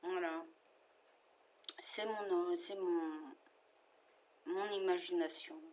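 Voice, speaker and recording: A woman with a French accent talks through her favorite cross-stitch patterns at an unhurried, unrushed pace. She is chatty and relaxed, with fillers and small asides as she goes. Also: fairly low pitch. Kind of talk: casual chat showing favorite patterns.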